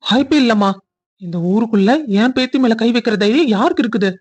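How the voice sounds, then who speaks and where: A woman's voice: a little high, quick pace, a little mellow, natural voice. A woman voicing an anxious, protective old grandfather in a cartoon story, speaking in a reassuring way. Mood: worried.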